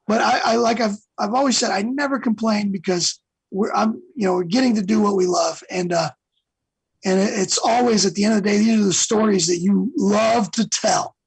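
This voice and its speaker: Male guest, husky and dry, rambling storyteller. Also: high voice, moderate pace, no echo, low-quality recording. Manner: rambling storyteller, many fillers. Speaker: guest singer. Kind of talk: casual interview chat.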